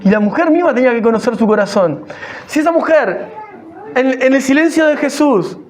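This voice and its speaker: A man's voice: very high voice, lively intonation, a little fast, a little hiss or hum. Pastor, man, chatty sermon delivery that builds up, restarts his phrases often. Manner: conversational preaching, rising to emphatic; frequent self-corrections and restarts.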